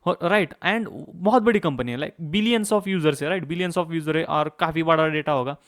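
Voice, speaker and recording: A young man teaching a course over a screen share, talking fast in a casual way and checking in often with "okay". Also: a little high, fairly bright tone. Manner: fast-talking, mixes English terms into Hindi, frequent "okay, theek hai" check-ins. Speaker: course instructor.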